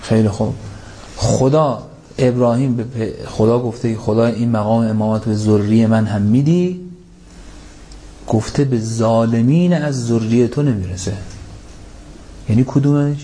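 A man's voice: medium pitch, long pauses, warm tone. A man giving a Quran commentary sermon, asking rhetorical questions and reciting Arabic verses, stressing key points with an emphatic rise. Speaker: religious lecturer.

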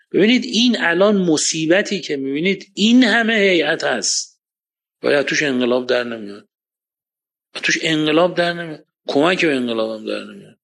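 Passionate higher-voiced man lecturing. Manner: passionate, swinging between loud emphatic points and quiet asides; recites Quranic Arabic verses. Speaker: religious lecturer. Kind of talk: religious lecture.

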